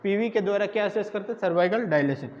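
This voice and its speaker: Fast and high-pitched with a slightly mellow quality, a male instructor runs a nursing exam lecture where he keeps firing questions at the class and supplying the answers. The echoey room gives a dull, lo-fi recording with a bit of faint noise.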